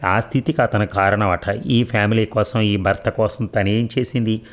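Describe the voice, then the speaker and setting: A man narrating a short story in a slow, deliberate reading voice with dramatic pauses. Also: lowish voice, steady tone.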